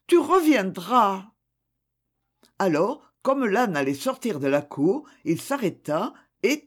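A narrator reading a children's story aloud in a slow, expressive way. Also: mid-range voice.

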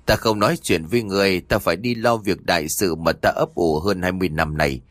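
A man voicing a cold, vengeful sorceress in an audio story, speaking menacingly in his own low voice. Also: fairly quick, a bit bright, dry recording.

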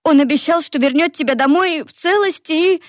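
A woman's voice: high voice, fairly quick, no echo, studio quality, pitched above the performer's own voice, natural voice. A woman reading an audiobook, voicing a worried middle-aged mother who is anxious, sighing and disapproving. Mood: pleading.

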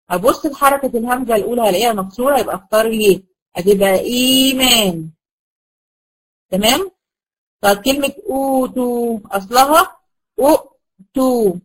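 A woman's voice: a little high, low-quality recording. Egyptian woman, tajweed teacher; patient, asks the class questions and answers them herself; stretches out example words. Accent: Egyptian Arabic. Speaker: Quran recitation teacher. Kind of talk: online tajweed lesson to a class of girls.

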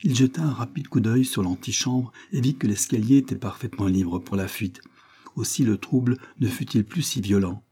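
A man reading a novel aloud as an audiobook narrator, in a measured, even way. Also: on the low side, husky. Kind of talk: scripted narration.

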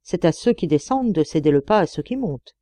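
A woman's voice: low-pitched, lively intonation, fast talker, dark tone, dry recording. Woman voicing an older fatherly mine engineer. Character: older male mining engineer, steady and kind.

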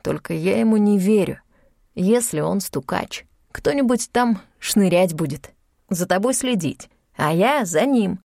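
A woman's voice: medium pitch, animated, unhurried, gravelly, a little mellow, no echo, studio quality. A woman reading an audiobook and voicing a curt, commanding young man who grumbles and gives orders. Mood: serious. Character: gruff bossy young man, secretive and impatient. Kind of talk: audiobook character voice.

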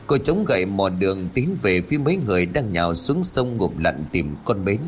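A man reading a ghost story audiobook aloud, voicing each villager with his own shifts of pitch and pace. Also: very animated, normal speed, a little hiss or hum. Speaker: audiobook narrator.

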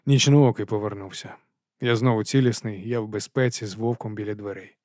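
Calm male audiobook narrator, dry sound. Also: lowish voice, fairly quick, no room sound. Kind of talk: first-person audiobook narration.

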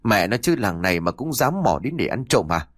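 A man voicing a hot-headed young village man who swears and shouts angrily in a horror audiobook. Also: fairly low pitch, big pitch swings, moderate pace, no room sound, clean studio sound. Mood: angry.

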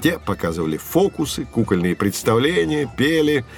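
A man with a medium-pitched voice that swings widely speaks at a normal speed over soft background music. He is an actor voicing a patient, knowledgeable teacher of children in scripted educational narration, explaining things clearly and like a storyteller.

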